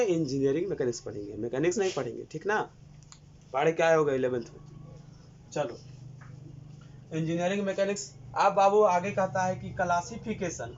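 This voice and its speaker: Man, engineering teacher, coaxing lecture voice, raised pitch, dull lo-fi sound, faint hiss. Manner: coaxing, repeats questions to students, calls them 'babu'. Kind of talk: classroom lecture dictating notes.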